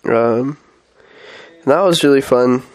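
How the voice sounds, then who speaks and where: This is a young adult man on a mission, slow and medium-pitched, giving a laid-back weekly update vlog. He sounds stuffy from a head cold and speaks with many fillers and false starts.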